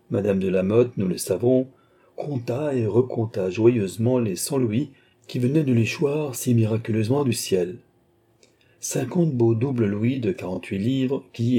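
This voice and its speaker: A man narrating a classic novel as an audiobook, in a measured storytelling manner. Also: lowish voice, mellow, slightly rough.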